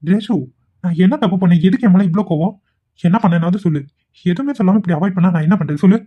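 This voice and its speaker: Cartoon: scheming young man, theatrical pleader, high-ish voice, voiced by a man, lo-fi phone sound. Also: fairly even intonation, brisk, lightly acted. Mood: pleading. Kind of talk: amateur cartoon voice acting. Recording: tinny phone-like lo-fi audio.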